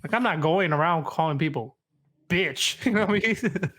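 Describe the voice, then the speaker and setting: A man's voice: on the high side, expressive, normal speed, a bit bright. A young man co-hosting a casual podcast chat, joking, swearing and laughing often. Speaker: podcast co-host.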